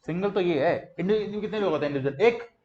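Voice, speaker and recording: Brief: young male teacher, high voice, playful call-and-response drilling, slightly muffled classroom recording. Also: animated, very fast, darkish tone. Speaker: commerce teacher. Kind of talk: classroom lecture. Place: classroom with students.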